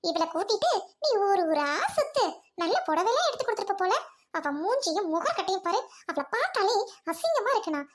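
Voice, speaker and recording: A woman acting as a sharp-tongued angry young sister, speaking with scolding contempt in a short drama. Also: extremely high pitch, very animated, brisk. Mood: contemptuous.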